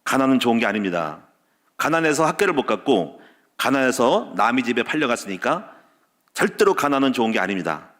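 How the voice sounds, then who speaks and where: A man preaching a sermon as pastor, stacking short repeated clauses and telling personal stories, with loud peaks and quiet dropped endings. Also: mid-range voice, very animated, fairly quick. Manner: tells personal stories with laughter. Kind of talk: Wednesday service sermon.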